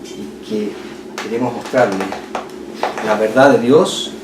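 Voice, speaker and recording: A man with a Chilean Spanish accent preaching a sermon as pastor, swinging from loud passionate peaks to hushed, quiet lines. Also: on the low side, slow. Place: church hall. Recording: echoey church hall, distant mic, noisy.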